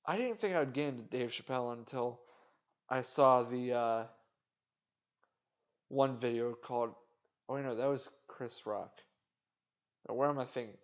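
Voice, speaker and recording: A man rambles through a solo podcast segment in a flat, indifferent tone, dropping swear words and self-mocking asides. His voice sits at an ordinary middle pitch. The recording is dull and lo-fi. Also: moderate pace, pauses often. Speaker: podcast host. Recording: dull lo-fi sound.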